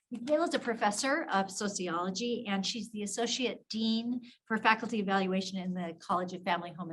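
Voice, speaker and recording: A woman's voice: mid-range voice, fairly bright tone, poor audio. Woman introducing a speaker, faint noise. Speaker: session host, history faculty member. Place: small conference room, indoors. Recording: faint noise in meeting room.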